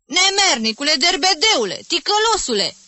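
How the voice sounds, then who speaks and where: Storybook figure: woman acting an irate middle-aged male music teacher, shrill shouted scolding, dry close sound. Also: lively intonation, no echo. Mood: furious. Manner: shouting insults, shrill and explosive.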